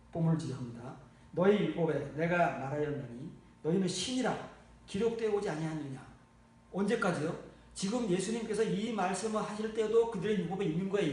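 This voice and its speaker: A man preaching a sermon as pastor, blunt and scolding, swinging from low murmurs to loud exclaims. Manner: lively, shifts from low muttering to loud exclaiming. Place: church. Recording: echoey church hall, mic far off.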